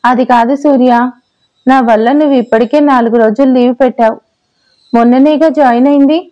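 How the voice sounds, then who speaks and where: A woman's voice: sits high, steady tone, fairly quick, highs cut off, lightly acted. A woman voicing a playful, teasing young wife in an audio story. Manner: teasing, pouty. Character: playful pregnant young wife, mock-sulky.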